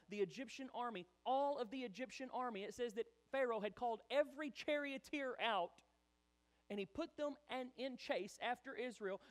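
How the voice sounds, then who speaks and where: Guy preaching, kinda high voice, super animated, acts out little bits of dialogue. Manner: animated, acts out quoted voices, chatty asides. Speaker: pastor. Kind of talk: sermon.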